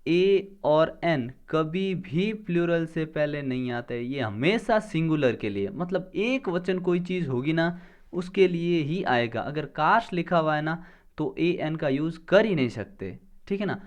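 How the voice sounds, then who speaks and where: A man teaching a grammar lesson for an exam. He explains step by step, asks questions and answers them himself, and sounds out words slowly. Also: on the high side, expressive.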